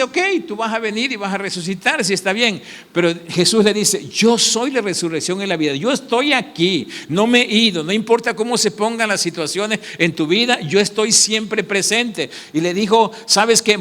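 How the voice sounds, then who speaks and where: Male pastor, high and bright, preaching in a church hall with long reverb, quizzing the congregation. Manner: asks the congregation questions and answers them. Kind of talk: sermon.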